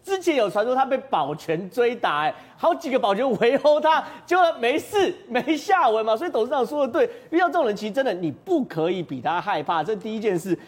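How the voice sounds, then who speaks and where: A man's voice: very high-pitched, big pitch swings, brisk, few pauses. A man with a Taiwanese Mandarin accent, a talk show commentator, making his points emphatically and posing rhetorical questions. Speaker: political commentator.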